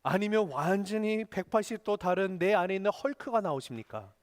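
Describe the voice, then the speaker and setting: A male pastor preaching a sermon, telling a story and slowing down earnestly to stress his points. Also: high voice, lively intonation.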